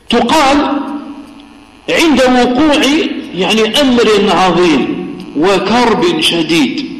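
A man teaching a religious text. He explains slowly, repeats himself and often stops on halting filler pauses. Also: high-pitched, fairly bright tone. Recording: echoey hall reverb.

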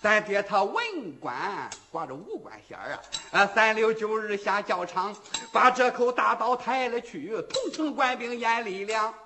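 A man's voice: sits high, unhurried, hardly any pauses, noisy background. A man voicing an earnest, timid young man who pleads eagerly with his older sworn brother in rhythmic storytelling.

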